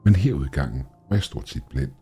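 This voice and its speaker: Very deep, husky male horror narrator. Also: animated, mellow, faint music behind. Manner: tense, measured storytelling.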